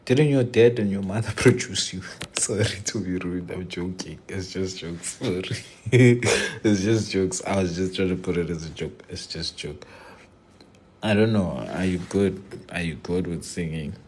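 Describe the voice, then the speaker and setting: His deep, darkish voice comes a little slow, with slight noise in the background. Responding to viewers on a relaxed live stream, this young Limpopo man jokes freely and mixes English with Zulu slang.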